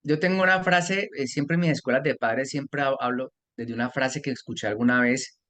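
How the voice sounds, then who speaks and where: A man's voice: mid-range voice, moderate pace. Talkative Colombian man in his forties. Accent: Colombian Spanish. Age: 40s. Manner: talkative, animated storytelling with restarts. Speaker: guest, parenting mentor. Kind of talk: casual podcast conversation.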